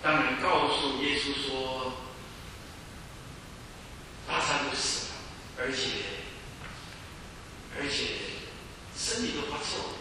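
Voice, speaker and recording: A man preaching a sermon, moving between soft, low passages and raised, emphatic lines. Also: fairly even intonation, slow pace, pauses often. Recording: echoey hall, voice from far off, faint background noise.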